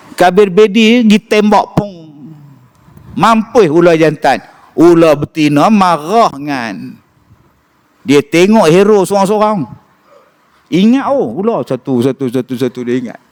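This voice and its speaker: A male preacher with a northern Malaysian Malay accent gives a lively, humorous lecture in a mosque. His voice sits fairly high and rings clear and smooth. He acts out the people in his stories as he speaks. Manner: animated storytelling, acts out voices.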